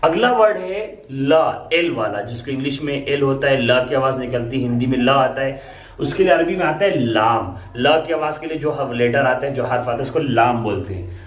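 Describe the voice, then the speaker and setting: A man with a medium-pitched, animated voice speaks at normal speed while giving a beginner lesson on the Arabic alphabet at a board. He explains every letter patiently, step by step, with plenty of repetition. The distant mic picks up a roomy echo.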